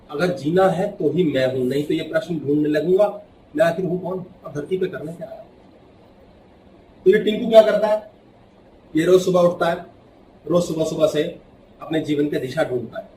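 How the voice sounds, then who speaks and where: A man giving a spiritual talk to a live audience, animated and acting out quoted voices with sudden swings between loud and hushed delivery. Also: fairly high pitch, distant mic, a little hiss or hum. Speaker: spiritual speaker. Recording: echoey room, voice from off-mic.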